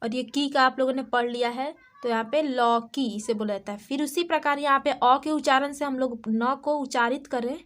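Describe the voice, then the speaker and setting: A young Indian woman teaching small children in a high, light voice. She takes her time, slowly spelling out each sound and repeating words so the little ones can follow. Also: a bit bright. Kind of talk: slow classroom lesson for small children.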